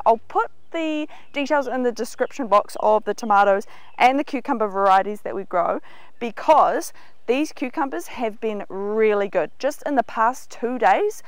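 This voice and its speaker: Kiwi woman walking through her veggie garden, smooth clear voice, dry close mic, higher pitch. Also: no room sound. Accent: New Zealand. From New Zealand. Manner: enthusiastic, explanatory, walking and pointing at crops. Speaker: market gardener. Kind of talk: guided garden tour. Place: outdoors in a large vegetable garden.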